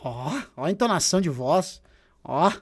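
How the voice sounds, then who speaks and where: A man gives live react commentary, teasing and sarcastic. His voice sits high and swings widely in pitch, jumping from loud outbursts to low mutters. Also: lively intonation, moderate pace, slightly rough. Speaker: streamer reacting to a debate.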